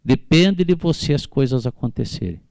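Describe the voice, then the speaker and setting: A man's voice: medium pitch, expressive, moderate pace, vocal fry, a little mellow, dry recording. A man with a Brazilian Portuguese accent preaching a sermon at a church service, fervently putting questions to the congregation by name. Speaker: pastor.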